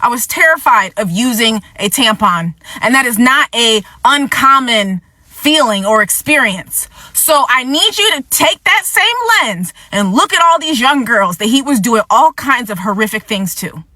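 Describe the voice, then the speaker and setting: High, bright-voiced woman ranting angrily. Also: animated, normal speed, no echo. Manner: angry, blunt and profane, emphatic repetition. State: fighting back tears. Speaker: vlog host. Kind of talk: impassioned commentary to camera.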